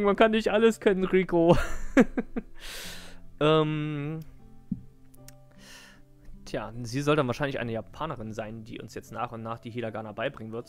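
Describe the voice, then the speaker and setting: A man in his twenties streaming a game, chatting casually in soft, rambling asides with restarts. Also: mid-range voice. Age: 20s. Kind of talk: casual live-stream chat.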